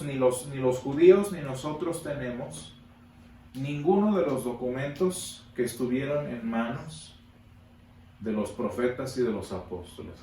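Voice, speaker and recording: A man teaching a Sunday school Bible class, emphatic, repeating words for stress and pausing on fillers. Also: medium pitch, a little mellow. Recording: echoey room from a distance, faint background noise.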